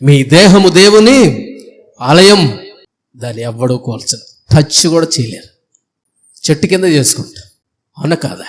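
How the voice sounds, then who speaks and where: High-voiced man preaching with emphatic repetition. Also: expressive, a little slow, pauses often. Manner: emphatic, rhetorical questions and repeated lists. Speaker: pastor. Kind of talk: Easter sermon. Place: church before a congregation.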